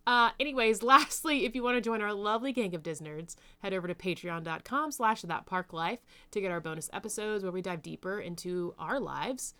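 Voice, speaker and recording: A woman's voice: mid-range voice, a little fast, few pauses, pushed and bright, clean tone. A woman co-hosting a casual podcast, rambling cheerfully through the show's sign-off plugs. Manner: chatty, upbeat, rambling outro plugs. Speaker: podcast co-host.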